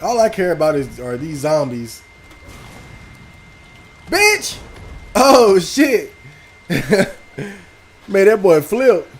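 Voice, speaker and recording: A man streams a video game, cursing and reacting loudly between stretches of casual chat. His voice sits high and swings up and down, with a faint hiss behind it. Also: sing-song, very slow, pauses often. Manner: loud, profane, reactive outbursts. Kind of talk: casual gaming stream commentary.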